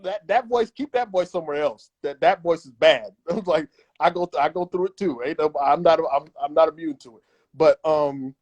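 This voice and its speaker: A man's voice: a little high, normal speed, a little mellow, lo-fi sound. A man as an interview guest giving emphatic, repetitive advice in a casual chat. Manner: emphatic and repetitive, acts out imagined voices.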